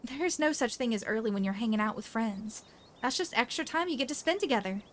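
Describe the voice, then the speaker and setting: A woman's voice: fairly high pitch, animated, a little fast, slight background noise, natural voice. A woman reading the lines of a cheerful, sociable young woman in a story game. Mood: eager.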